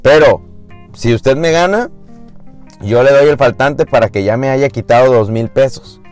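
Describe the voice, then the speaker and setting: A man's voice: unhurried, a little mellow, faint music behind, close to an everyday voice. A man voicing a young, eager male doctor who keeps getting fooled, whiny and pleading. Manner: whiny, pleading, higher pitched.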